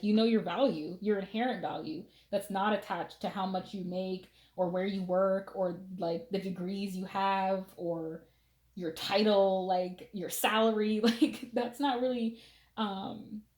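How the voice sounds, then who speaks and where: A woman's voice: medium pitch, darkish tone. A young woman giving a casual tarot reading, chatty and full of fillers, laughing now and then. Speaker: tarot reader.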